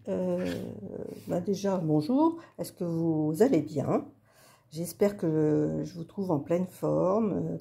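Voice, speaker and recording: Chatty woman with a gravelly, dark voice. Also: on the low side. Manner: chatty, hesitant, many fillers. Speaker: craft video host. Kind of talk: casual craft tutorial talk.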